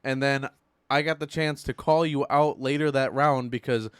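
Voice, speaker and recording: A young man co-hosting a casual podcast, telling stories in an animated, teasing way. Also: mid-range voice, moderate pace, clear, resonant tone, no room sound, clean studio sound. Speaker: podcast co-host. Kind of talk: casual chat.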